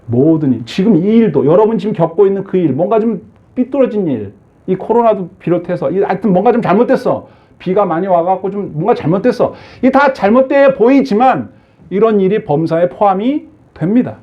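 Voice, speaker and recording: A man's voice: high-pitched, lively intonation, fairly quick, muffled recording. A male pastor preaching a sermon, asking his congregation many questions and acting out the voices he quotes.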